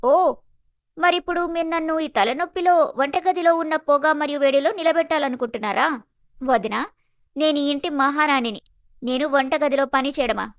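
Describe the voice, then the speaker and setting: A woman voicing a spoiled, haughty young college woman who whines and scolds, in an animated story. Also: no room sound, clean studio sound. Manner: whiny, shrill, haughty.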